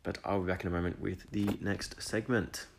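Man, very low voice, solo podcast, eager rambling talk. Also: steady tone, normal speed, vocal fry, slight background noise. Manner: enthusiastic, rambling with restarts and asides. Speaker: education podcast host.

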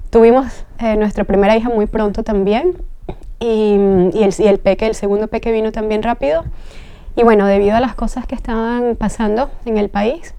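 A Venezuelan woman who works as a train driver tells her life story as an interview guest, earnest and reflective, often searching for words. Her medium-pitched voice has a warm, clean tone.

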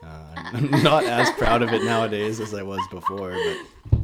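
A man from Canada chatting casually over a conversation card game, thinking aloud with relaxed restarts. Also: mid-range voice, measured pace, over loud music. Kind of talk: casual chat.

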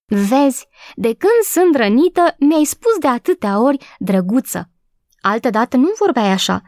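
A woman's voice: fairly high pitch, no echo, clean studio sound, pitched above the performer's own voice. A woman voicing a cheerful, affectionate little girl who is hurt but still grateful, in an audiobook reading. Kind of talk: audiobook character voice.

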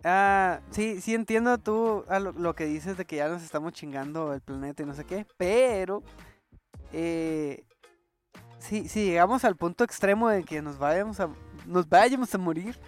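A woman's voice: fairly low pitch, a little slow, soft background music. A young woman with a Mexican accent chatting casually, full of street slang and swearing. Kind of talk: casual chat.

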